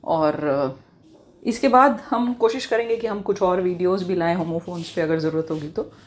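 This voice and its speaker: A woman with an Indian accent teaching English in Hindi, explaining slowly and spelling words out letter by letter. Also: lowish voice. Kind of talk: online language lesson.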